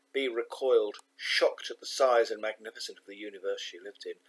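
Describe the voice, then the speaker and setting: A man reading a children's novel aloud, measured and expressive, slowing down for emphasis. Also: on the low side, low-quality recording. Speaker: audiobook narrator. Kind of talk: scripted narration of a children's novel.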